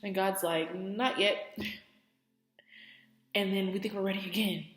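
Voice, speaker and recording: A woman's voice: mid-range voice, fairly even intonation, fast, roomy sound, in a large hall. A young woman talking about her faith while teary, in a rambling, heartfelt way full of "like" and "you know". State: teary, on the verge of crying. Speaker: faith vlogger. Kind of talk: emotional personal testimony.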